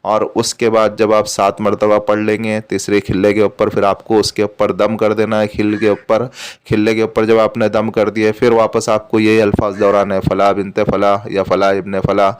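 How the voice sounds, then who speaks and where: A man's voice: on the low side, monotone, moderate pace, clean tone. A man teaching a spiritual remedy step by step, patient and repetitive, restating each point several times. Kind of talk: step-by-step religious instruction.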